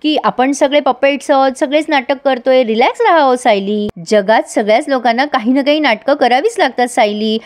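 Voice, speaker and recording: Woman reading as a gentle teasing husband. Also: high-pitched, brisk, few pauses, close to an everyday voice. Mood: playful. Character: gentle teasing young husband, warm and playful.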